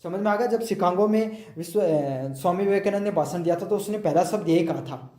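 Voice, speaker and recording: A man's voice: high-pitched, fairly quick, mellow, reverberant. A man tutoring students through exam questions, asking his own questions aloud, answering them and repeating each point in other words. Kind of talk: explaining multiple-choice answers.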